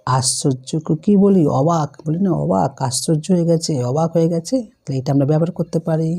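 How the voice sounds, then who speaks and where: A woman's voice: deep voice, a little fast, dark tone. A woman teacher patiently explaining a lesson to young pupils step by step, asking them questions as she goes. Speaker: primary school teacher. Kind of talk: online class lesson.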